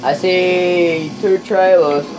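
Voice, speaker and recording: A man chatting casually while playing a trucking game with a friend, rowdy, swearing a lot, with loud excited outbursts. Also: sits high, drawn-out words, background noise.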